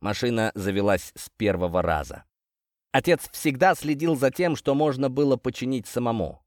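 A man narrates a first-person fantasy audiobook, telling the story expressively in a mid-range voice at normal speed. The studio sound is clean with no room sound.

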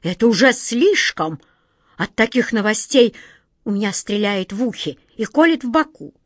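A woman's voice: fairly high pitch, sing-song, normal speed, no room sound, clean studio sound. A woman playing a fretful, whiny fairy-tale king who barks orders and frets over his health. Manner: whiny, commanding, easily flustered.

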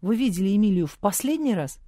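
A bold young woman speaks with eager, cheeky directness, voiced by a woman narrator. Her lines come out pitched up and lively, sometimes blurted. The recording is dry and close. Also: fast, no echo. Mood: probing, bold.

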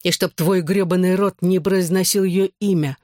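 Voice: medium pitch, steady tone, a little fast, no echo, clean studio sound, natural voice. An audiobook reader voicing a hot-tempered teenage boy who speaks curtly, with a snarl. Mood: angry. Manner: curt, snarling.

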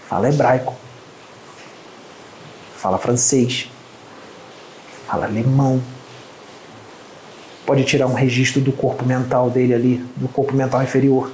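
A man with a Carioca accent gives an emphatic spiritual lecture as a channeling medium, scornful toward critics. His voice is dark and mellow. The recording carries a roomy echo. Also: mid-range voice, a little hiss or hum. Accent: Carioca Portuguese. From Rio de Janeiro, Brazil.

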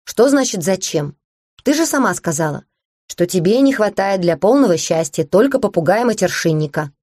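A woman voicing a cheeky, rude young male dragon with a small hoarse voice in an audiobook. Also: mid-range voice, expressive, normal speed, a little mellow, no room sound, clean studio sound, natural voice. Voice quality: hoarse little voice. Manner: rude, slangy, brash. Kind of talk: audiobook reading.

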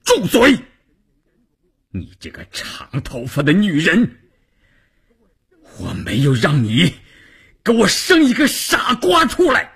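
A man voicing a stern fifty-year-old husband in a radio novel reading, speaking low, heavy and curt. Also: big pitch swings, slow, husky, full character voice. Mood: furious.

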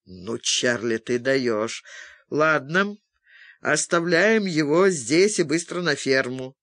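A man voicing a tense man who tries to stop his friend, with a lower, shaky voice. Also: lively intonation, slow pace, a bit bright, dry recording, clean studio sound, heavily acted. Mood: urgent.

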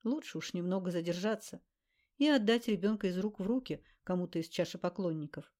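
A woman narrating an audiobook in the first person with an even, measured reading. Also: fairly low pitch.

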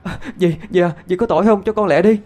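A man's voice: medium pitch, expressive, brisk, soft background music, pitched above the performer's own voice, close to an everyday voice. A man with a Southern Vietnamese accent voicing a teenage girl, possessed and turned brash, in a spoken ghost story. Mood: terrified.

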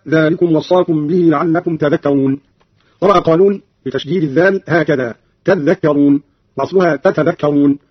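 A man's voice: fairly high pitch, breathy edge, dry recording. A man giving a precise, scholarly radio explanation and quoting verses along the way. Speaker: radio presenter explaining readings. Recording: lo-fi archival radio broadcast.

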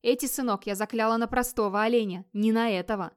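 A woman reading the lines of a commanding old wise woman in an audiobook, brisk and firm. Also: fairly high pitch, fairly even intonation, clean tone, lightly acted.

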